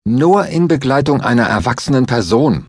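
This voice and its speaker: A man's voice: lowish voice, expressive, moderate pace, darkish tone, breathy edge, no echo. A man voicing a composed male doctor-investigator who speaks with dry, amused mockery.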